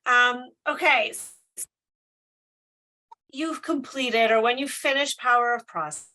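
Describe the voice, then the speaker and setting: A woman's voice: a little high, takes it slowly, pushed and bright, low-quality recording. A woman hosting a podcast over a video call, muttering about her microphone while her audio keeps glitching and cutting out. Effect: glitchy audio cutting out and fading. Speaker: podcast host. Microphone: built-in computer mic on a video call.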